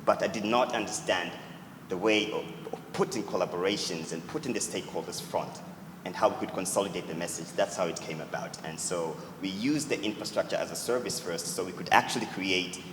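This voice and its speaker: Deep-voiced founder fielding judge questions; earnest, leans on "actually"; long reverb from a big hall. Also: male voice, a little fast, background noise. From Tanzania. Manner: earnest, repeats "actually" often. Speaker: startup founder answering judges. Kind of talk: pitch Q&A answer. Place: event hall. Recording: echoey hall with loud ambience.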